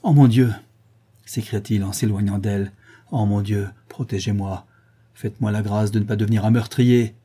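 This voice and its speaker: A man's voice: lowish voice, little pitch movement, moderate pace, mellow, husky. A man reading the part of a proud English major, pleading in an impassioned, declamatory way. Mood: anguished.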